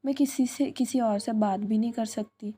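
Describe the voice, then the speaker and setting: A woman's voice: fairly high pitch, steady tone, normal speed, dark tone, husky. Woman voicing playful affectionate young woman. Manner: teasing, sweet, coaxing.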